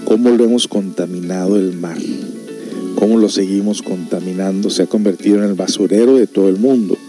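Low-voiced man preaching prophecy. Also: a little fast, music in the background. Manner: earnest, moralizing, reads scripture aloud with emphasis. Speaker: prophecy commentator.

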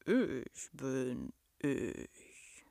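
Naeratus, a woman doing a rumbling cave beast. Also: big pitch swings, creaky, warm tone, dry recording, clean studio sound, heavily acted. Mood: calm. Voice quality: deep rumbling. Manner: slow, halting, speaks of others in third person. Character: huge gentle furry cave monster, slow and simple.

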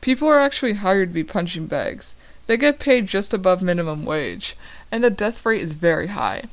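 Woman reading a story, low mellow voice. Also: sing-song. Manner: plain, slightly halting reading with small slips. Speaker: reader of a story. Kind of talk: first-person story read aloud.

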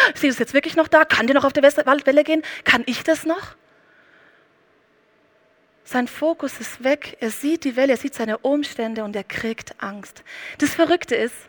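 A woman's voice: high-pitched, a bit bright. A woman preaching a sermon, speaking emphatically and addressing the listener directly.

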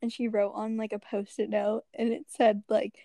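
A young woman playing along as a quiz guest, easygoing and quick to laugh. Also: medium pitch, little pitch movement, mellow, dry recording. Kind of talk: casual chat, quiz game.

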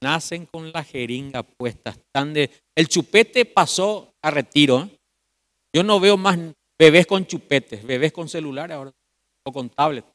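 Male pastor, youth sermon, somewhat high voice, sudden drops to a hush. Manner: addresses listeners as brother, asks rhetorical questions; swings from loud emphasis to quiet, drawn-out phrases.

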